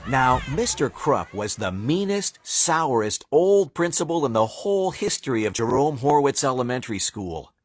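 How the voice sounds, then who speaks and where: A man narrating a children's storybook in a playful, animated way, with dramatic pauses. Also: medium pitch, a little hiss or hum.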